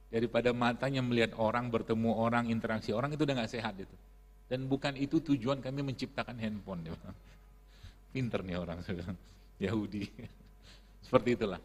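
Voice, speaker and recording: A middle-aged man giving a casual religious health talk to an audience, chatty and laughing often. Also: mid-range voice. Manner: chatty, laughs often, uses Islamic phrases. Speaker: preacher and health speaker. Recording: long hall reverb.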